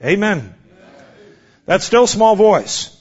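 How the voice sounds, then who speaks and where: High-voiced emphatic preacher man, lo-fi recording. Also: very animated, very slow, slightly rough. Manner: emphatic, swings from loud exhortation to hushed near-whisper. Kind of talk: sermon. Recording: dull lo-fi recording.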